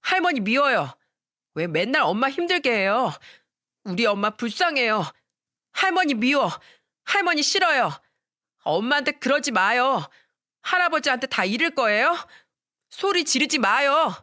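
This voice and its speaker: A narrator voicing a small boy who is tearful and fiercely protective, pleading in a shrill voice. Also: sing-song, normal speed, sharp tone, heavily acted. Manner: shrill, pleading, near tears.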